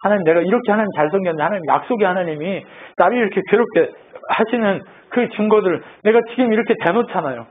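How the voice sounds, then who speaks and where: A man voicing a bitter suffering man who rushes through complaints against God, in a tinny phone-like recording. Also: sits high, a little hiss or hum, natural voice.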